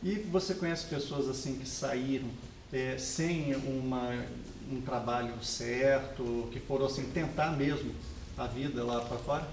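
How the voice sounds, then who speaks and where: A man, asking an interviewee slow, hesitant questions. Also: mid-range voice, fairly even intonation, far from the mic, a little hiss or hum. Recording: echoey room, off-mic.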